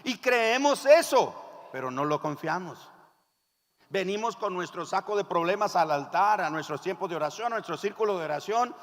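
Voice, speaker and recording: A male pastor with a Nicaraguan accent preaching a sermon, telling stories in an animated way and leading the congregation in repeating phrases. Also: sits high, fairly quick. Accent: Nicaraguan Spanish. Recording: reverberant church hall.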